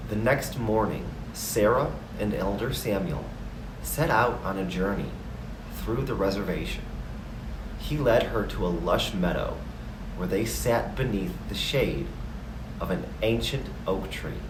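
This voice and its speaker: Slow, low-voiced man, calm gentle storyteller. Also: echoey room, recorded from a distance, noisy background. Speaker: storyteller, narrator. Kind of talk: slow scripted storytelling narration.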